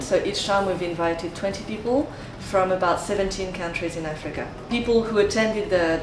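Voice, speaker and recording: A woman speaking informally in an interview as a project manager. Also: on the low side. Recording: echoey room, clear background noise.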